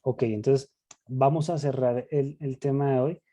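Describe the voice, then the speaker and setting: A man's voice: medium pitch, steady tone, unhurried, dark tone. A man leading a casual group Bible study, reflective and self-critical, often repeating his words as he thinks aloud. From Latin America.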